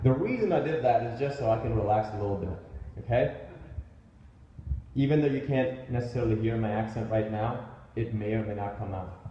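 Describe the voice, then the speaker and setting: A man in his late twenties giving an animated, joking motivational speech to a crowd at a business event. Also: medium pitch, a little fast, a little hiss or hum. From Indian heritage. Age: late 20s. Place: large indoor event hall. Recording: echoey event hall, dull sound.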